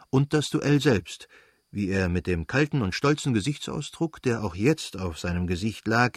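A man narrating a classic novel aloud in a measured, even manner. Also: lowish voice, no echo, clean studio sound. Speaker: audiobook narrator. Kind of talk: scripted literary narration.

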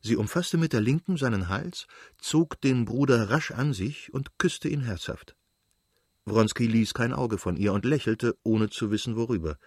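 A man narrating a classic novel as an audiobook in a measured, literary reading. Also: medium pitch, lively intonation, a little mellow, husky, no echo, clean studio sound.

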